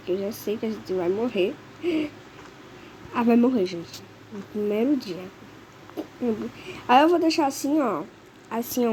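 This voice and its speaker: A woman's voice: a little high, warm tone, a little hiss or hum, rough recording. A Brazilian woman narrating her own gameplay in a chatty, anxious way, constantly calling out to her viewers. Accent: Brazilian Portuguese. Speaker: gamer. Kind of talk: let's play commentary.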